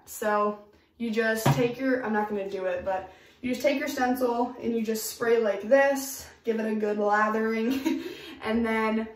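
A chatty young woman talks through her DIY tips in an upbeat, emphatic way. Her voice sits a little high, and the bathroom adds a roomy echo. She sounds slightly off-mic. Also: far from the mic. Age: young adult. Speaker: DIY vlogger. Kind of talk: casual tips vlog. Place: home bathroom, indoors.

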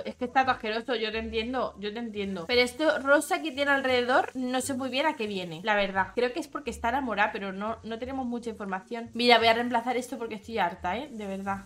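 Mujer joven, comentario de juego entusiasmado. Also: female voice, on the high side. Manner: excitable, gushing, exclamatory. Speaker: gaming video host. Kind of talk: casual gameplay commentary.

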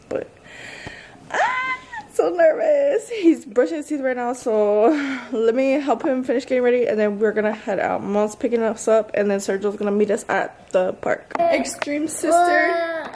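Chatty high-voiced woman vlogger. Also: a little mellow, slight background noise. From Texas. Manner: chatty, blunt, swears freely, rants. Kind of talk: casual chat to camera.

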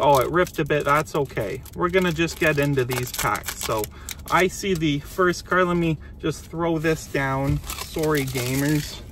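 A man's voice: high-pitched, sharp tone, a little hiss or hum. A man casually chatting to viewers while opening card packs inside his car, easygoing and talkative. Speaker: vlogger. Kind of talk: casual pack-opening vlog.

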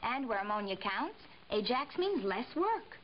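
A confident housewife gives helpful advice in a vintage TV commercial. Her voice is somewhat high and lively. The soundtrack is dull. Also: a little slow. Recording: muffled hissy vintage TV soundtrack.

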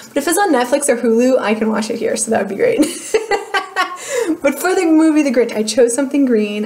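Fairly high in pitch with a darkish tone, this young woman's voice carries an American Midwest accent. She's a beauty vlogger casually rambling through a product update and laughing at herself, filmed on a webcam in a small room at home.

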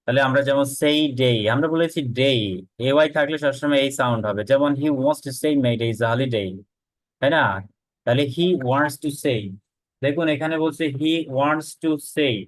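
A man with a Bengali accent teaching English pronunciation in an online class, slowly repeating practice phrases and often checking in with his students. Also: a little high, steady tone, dry recording, low-quality recording.

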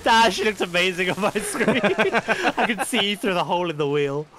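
A man's voice: high-pitched, animated, normal speed. A man trading casual, teasing banter with friends as a fellow player in a game. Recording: faint background game noise.

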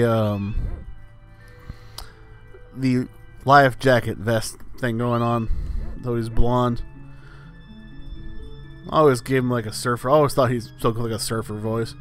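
A man's voice: mid-range voice, fairly bright tone. Dry-witted man narrating a game. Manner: dry, wry humor, meandering. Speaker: let's play host. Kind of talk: gameplay commentary.

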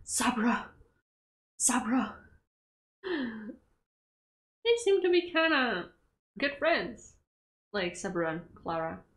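Young woman, slow-paced and giggly, doing casual anime reaction commentary from her bedroom. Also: a little high, sing-song. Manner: chatty, giggly, talks back to the screen. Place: small bedroom, indoors.

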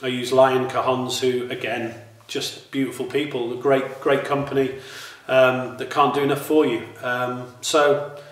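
A British man, a drummer, talking casually about his gear in a relaxed way, with many ums and restarts. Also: mid-range voice, unhurried, recorded from a distance. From United Kingdom. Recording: echoey room, mic some way off.

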